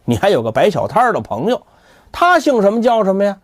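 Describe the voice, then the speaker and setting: A male storyteller voicing a calm, stern older official who speaks slowly and quietly threatens. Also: high-pitched, dry recording, clean studio sound, pitched above the performer's own voice, full character voice. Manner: slow, measured, quietly threatening.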